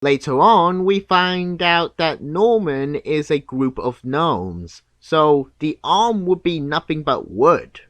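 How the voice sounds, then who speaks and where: A man giving scripted, nitpicking video commentary in a deadpan, sarcastic manner. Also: fairly high pitch, takes it slowly, hardly any pauses. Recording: clear background noise.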